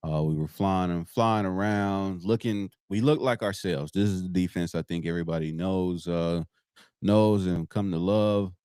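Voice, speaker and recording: A man co-hosting a podcast, giving relaxed sports opinions with plenty of fillers. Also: deep voice, clear, resonant tone, dry recording, clean studio sound. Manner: relaxed, drawn-out, many fillers. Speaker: podcast co-host. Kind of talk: casual sports chat.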